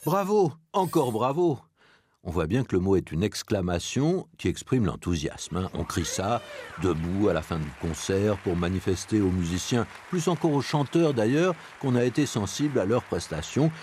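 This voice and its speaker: A man giving scripted commentary on the origins of a word, with expressive explanatory delivery. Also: sits low, normal speed, a little hiss or hum. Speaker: language columnist.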